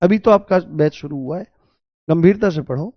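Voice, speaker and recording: A man's voice: fairly high pitch, moderate pace, no echo, highs cut off. A man teaching a grammar lesson for exam preparation, explaining step by step, repeating key words and asking his students questions. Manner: addresses students as "babu" and "babuji". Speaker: Hindi teacher.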